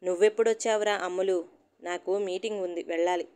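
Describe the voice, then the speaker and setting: Calm reasonable middle-aged husband, as a woman reads him, patient, a bit baffled. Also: fairly low pitch, quick pace, clean tone, natural voice. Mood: mild.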